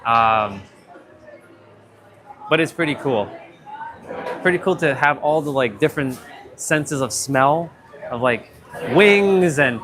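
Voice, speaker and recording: This man, whose voice is fairly high and a bit bright, vlogs a casual walking tour of an outdoor shopping plaza. He rambles with plenty of fillers, and noise cancellation on his voice leaves audible noise reduction artifacts.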